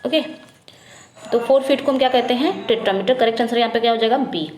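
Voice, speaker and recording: A woman teaching an English exam prep lesson, reading questions slowly and explaining quickly in Hindi, asking and answering herself. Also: on the high side, darkish tone, roomy sound, a little hiss or hum. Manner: repetitive drilling, asks then answers herself.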